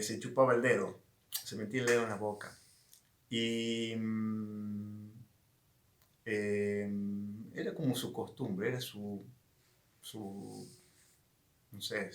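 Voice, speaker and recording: A man's voice: fairly low pitch, slight background noise. A man in his thirties, a pastor with an Argentine Spanish accent, preaching in a chatty storytelling way with many restarts. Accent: Rioplatense Argentine Spanish. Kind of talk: online sermon with a personal story. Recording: echoey room sound.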